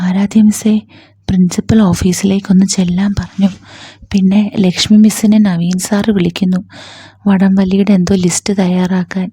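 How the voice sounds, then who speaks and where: A woman doing a brisk office peon. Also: medium pitch, little pitch movement, mellow, husky, dry recording, natural voice. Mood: matter-of-fact. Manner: brisk, matter-of-fact. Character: male college peon delivering a message.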